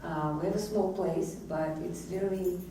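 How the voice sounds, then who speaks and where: This restaurant owner in her forties talks at a normal speed in a warm, steady, lowish voice while chatting casually as an interview guest. Russian is her native language; she was born in Azerbaijan and grew up in Israel and America. The recording has a distant mic, echo and faint background noise.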